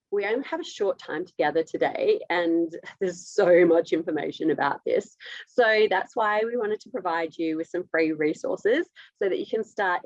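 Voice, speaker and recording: A woman's voice: lowish voice, no room sound, dull audio. An Australian woman, a dietitian, giving a live webinar presentation over a video call in an upbeat, direct, chatty way.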